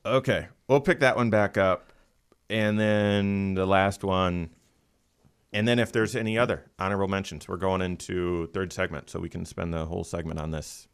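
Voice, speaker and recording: A man's voice: low voice, steady tone, normal speed, clear, resonant tone. A man hosting a casual financial talk show in a studio, chatty and upbeat, lifting his energy at segment ends. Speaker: host. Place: radio studio.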